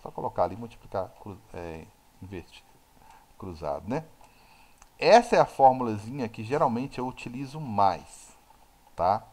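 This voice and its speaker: Lively Brazilian physics teacher on a video call. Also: male voice, lowish voice, moderate pace, long pauses. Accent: Brazilian Portuguese. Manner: lively explaining, swings from soft to loud, asks and answers his own questions. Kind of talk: live online class.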